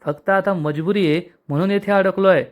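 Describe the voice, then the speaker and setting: A man's voice: high voice, steady tone, normal speed, pitched above the performer's own voice, natural voice. A man voicing a boastful, scheming male crook in jail while retelling a TV serial episode, in a taunting, mocking manner.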